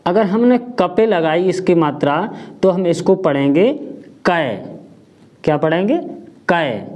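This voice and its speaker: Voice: mid-range voice, normal speed, darkish tone. A teacher giving a step-by-step reading lesson, patiently sounding out each syllable and answering their own questions. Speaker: Hindi teacher.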